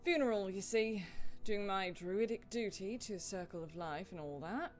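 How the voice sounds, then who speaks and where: A woman putting on a loud, jovial dwarf druid, stocky and hearty, booming his lines in a tabletop game. His voice sits at an everyday middle pitch, with quiet music playing underneath. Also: normal speed, lightly acted.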